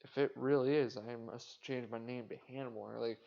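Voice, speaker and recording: Flat-voiced rambling man, muffled audio. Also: medium pitch, a little fast, creaky. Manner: flat, indifferent delivery; casual, swearing, self-mocking. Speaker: podcast host. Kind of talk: rambling solo monologue. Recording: dull lo-fi sound.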